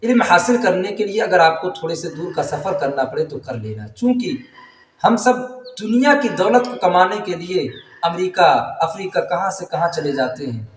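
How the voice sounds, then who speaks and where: A high-voiced man teaching how to pray, earnest and pleading, who draws the Arabic phrases out very slowly when he recites them. He stands away from the mic, and his voice rings with a long, roomy echo. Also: lively intonation, far from the mic, a little hiss or hum. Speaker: religious teacher. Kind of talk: instructional talk on prayer.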